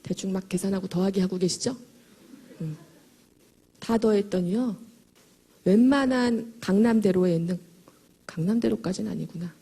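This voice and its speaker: Husky, gravelly woman speaking to a hall. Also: medium pitch, moderate pace, pauses often. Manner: lively, chatty, emphatic, jokes with the audience. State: slightly hoarse. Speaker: motivational speaker at a sales event. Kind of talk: motivational talk to an audience. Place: large hall before a live audience.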